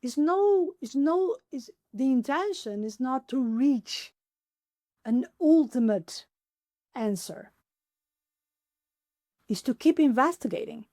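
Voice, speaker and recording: Lively woman in her forties, pitch jumping. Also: slow, long pauses, dry recording, studio quality. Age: 40s. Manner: enthusiastic, pitch jumps up when excited; animated, acts out her own inner questions. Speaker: podcast guest, applied philosopher. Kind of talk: conversational interview.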